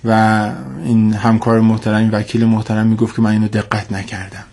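Lowish and a little mellow, this man's delivery is completely flat. He has a cold that leaves his nose congested, and as an expert guest in a radio interview he speaks formally and hesitantly, repeating points for emphasis.

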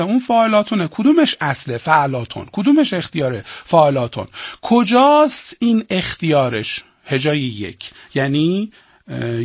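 A man teaching poetic meter for an entrance exam. He talks straight to his students, asks questions and answers them himself, and slows down to spell out each meter. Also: a little high, no room sound, clean studio sound. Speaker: Persian literature teacher. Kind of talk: exam-prep lesson.

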